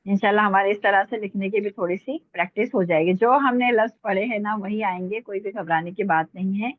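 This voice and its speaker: A woman teacher leads an online class over a call, saying each word slowly and often twice. The sound is thin and phone-like, with no room echo around her voice. Her pitch sits in an ordinary middle range. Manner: patient, repeats words slowly for dictation. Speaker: Urdu teacher. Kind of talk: online language lesson.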